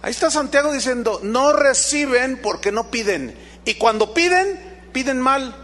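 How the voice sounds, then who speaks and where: A man's voice: very high-pitched, animated, moderate pace, sharp tone. A Mexican man with a Mexican accent, preaching a sermon as pastor, emphatic and quizzing his congregation with rhetorical questions. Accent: Mexican Spanish.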